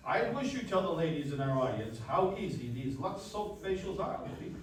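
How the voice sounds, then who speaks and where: A man performs as a polished 1940s radio host with a high-set voice. The delivery is formal, projected and genial, full of swooping inflection. It comes from a live stage, distant and very reverberant. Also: very animated, normal speed, a little hiss or hum. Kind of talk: 1940s radio acting, scripted announcing. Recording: echoey hall, distant mic, live stage.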